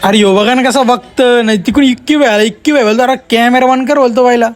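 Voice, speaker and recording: A man's voice: very high-pitched, fast talker. A man giving comic voice-over commentary on his vlog, teasing his friends in a mock-amazed tone. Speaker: vlogger.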